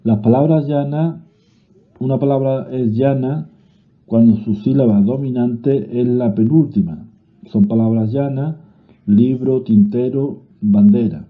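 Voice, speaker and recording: A man with a Spanish accent reading a grammar lesson aloud, slow and deliberate, sometimes restarting a word. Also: medium pitch. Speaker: teacher. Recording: phone-like narrow-band audio.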